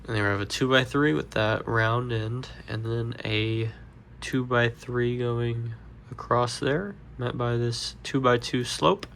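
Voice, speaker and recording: Congested man with a gravelly voice. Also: medium pitch, measured pace, a little hiss or hum. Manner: relaxed, rambling with fillers. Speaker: Lego builder, channel host. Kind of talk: casual build tutorial.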